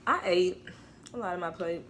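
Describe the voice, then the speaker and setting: A woman's voice: lowish voice, normal speed, fairly bright tone. Young woman talking to her viewers at home, chatty mukbang vlog, faint hiss behind. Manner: chatty, direct, talks to the viewers. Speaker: vlogger hosting a mukbang. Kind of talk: casual chat to viewers.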